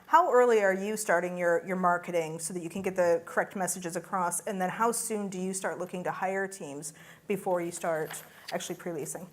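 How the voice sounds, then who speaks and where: A woman moderating a conference panel, putting measured questions to the speakers. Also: lowish voice.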